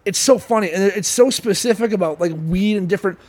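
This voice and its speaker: A man in casual, profane chat, mocking a script with animated outbursts and stammered restarts. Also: high voice, quick pace.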